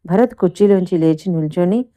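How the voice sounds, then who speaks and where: A woman host reads a serial story aloud in a steady, plain way. Her voice sits low and sounds warm and mellow. She speaks directly to her listeners between parts. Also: brisk. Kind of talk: read-aloud story narration.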